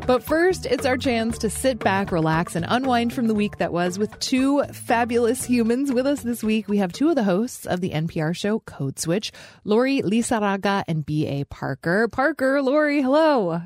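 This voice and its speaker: A woman's voice: fairly high pitch, expressive, normal speed, darkish tone, soft background music. American woman hosting a chatty show. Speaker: radio show host. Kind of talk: upbeat casual chat, hosting.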